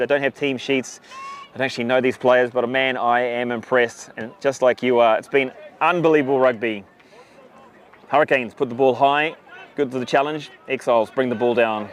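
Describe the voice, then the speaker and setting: A man giving live rugby commentary outdoors, chatty and excitable, greeting viewers between plays. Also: medium pitch, slight background noise. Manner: chatty, excitable, gives shout-outs to viewers. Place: outdoors at a sunny rugby ground.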